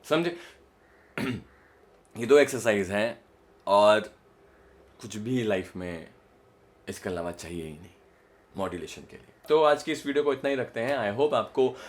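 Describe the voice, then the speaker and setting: This young man's voice sits on the low side and is expressive as he coaches voice modulation in a casual lesson. He walks through exercises with patience, models them personally, and goes slowly, restating a line on ascending notes.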